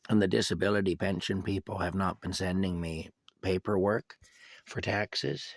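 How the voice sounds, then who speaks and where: A sick man with a cough, giving a casual, rambling video update from inside his camper, halting and restarting often. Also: sits low, flat delivery, no room sound. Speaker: vlogger giving a personal update.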